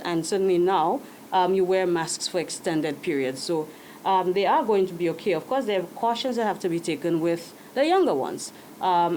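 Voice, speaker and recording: A woman speaking in a news interview as head of a medical association, calm and measured, with fillers now and then. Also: on the low side, slight background noise, rough recording.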